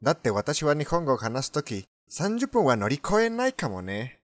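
A man's voice: a little high, sing-song, a little fast, no room sound. A native Spanish-speaking man with a foreign accent, giving language lesson commentary.

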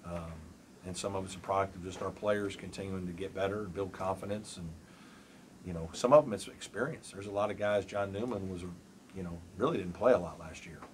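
A college basketball coach in his forties answers questions at a postgame press conference, speaking in a low, measured, thoughtful way with plenty of fillers. He sits in a press room before a backdrop, using a table mic on a stand, and there's a little hiss or hum.

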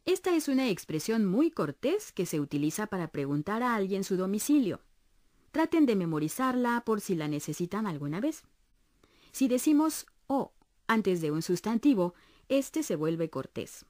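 A woman leads a radio language lesson with patient, encouraging explanations. Her voice moves up and down in a lively way. The studio recording is dry and close. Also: medium pitch, normal speed, no echo. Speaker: Japanese language instructor on a radio course. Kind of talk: scripted educational narration.

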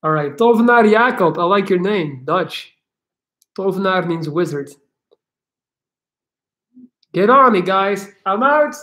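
A Belgian man in his thirties, a coach, hosts a relaxed livestream from his living room, picked up by a laptop webcam mic. High-voiced for a man, he is upbeat and expressive, with a bright, forceful tone, taking things slowly with long pauses as he reads out viewer comments and chats.

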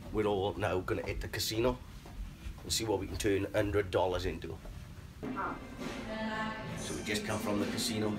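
A man's voice: lowish voice, poor audio. A man chatting casually to a handheld camera outdoors while on a cruise, joking and pointing things out. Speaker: vlogger. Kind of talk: casual travel vlog narration. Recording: loud outdoor noise.

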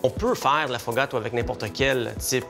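Man, middle-aged, gelato consultant, animated explainer, soft music underneath. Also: medium pitch, a little fast, gravelly. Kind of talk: explanatory talk to camera. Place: café interior.

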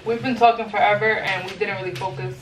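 A woman's voice: mid-range voice, fairly even intonation, quick pace, a bit bright. A young woman chatting casually with friends over a meal, curious and asking questions. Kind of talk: casual group chat while eating. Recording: roomy, mic at a distance, background hum.

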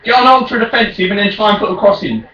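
Male, British accent, raging gamer, taunting trash talk, bright forceful voice, swooping pitch, distant mic. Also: lively intonation, fast talker, dull audio. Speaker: video game player. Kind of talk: trash-talking during an online football game. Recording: echoey room, distant mic, faint noise.

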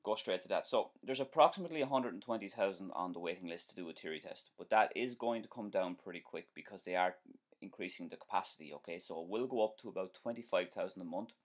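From a small indoor room at home, a man in his forties from Ireland live streams as a driving instructor, fielding viewer comments in a casual, chatty, friendly way. He repeats himself and restarts, full of um and uh fillers, in a fast, low-pitched Irish-accented voice.

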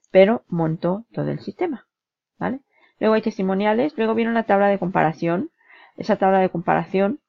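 A woman with a very gravelly, low voice walks the viewer through a software review, chatty and full of fillers. The recording is dull and lo-fi, with a dry, close sound and no room around it. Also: no room sound. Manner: conversational, talks the viewer through a comparison table, frequent fillers. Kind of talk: screen-share product walkthrough.

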